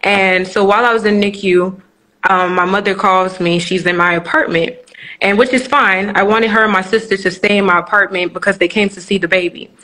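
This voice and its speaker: A woman's voice: medium pitch, steady tone, fairly quick, sharp tone, rough recording. A woman in her twenties, from Nigeria, speaking candidly as a guest on a live-streamed interview, telling her story with many restarts and fillers. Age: 20s.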